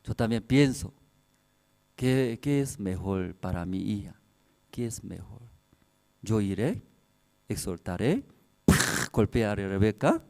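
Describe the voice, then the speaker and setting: A man's voice: lowish voice, animated, takes it slowly, long pauses, darkish tone. A man preaching a sermon, telling personal stories in simple, broken Spanish with frequent laughter. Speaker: pastor.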